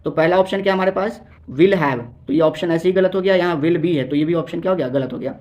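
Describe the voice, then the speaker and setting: A man teaching an exam-prep English lesson, asking the viewer questions and answering them, reading English sentences out slowly. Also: fairly high pitch, darkish tone. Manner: repeats key words as questions to the viewer.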